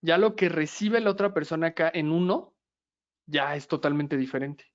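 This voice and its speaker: A man's voice: fairly high pitch, moderate pace, highs cut off. A male lecturer, explaining step by step and checking in with the class again and again. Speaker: lecturer in systemic therapy.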